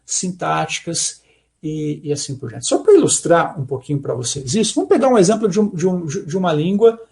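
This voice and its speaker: High, gravelly Brazilian man lecturing. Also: dark tone. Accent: Brazilian Portuguese. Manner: explanatory, ends points with "tá?" checks. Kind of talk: online academic talk.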